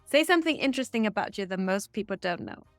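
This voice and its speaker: A woman hosting a podcast, reading set interview questions in a steady, bright tone. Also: mid-range voice, quick pace, no room sound, soft background music. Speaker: podcast host. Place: Stockholm.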